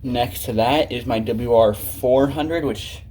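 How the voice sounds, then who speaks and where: In a noisy amateur recording made at home by a desk, a man with a mid-range, darkish voice slowly walks through his radio collection. He talks offhandedly and without a script, muttering asides to himself along the way.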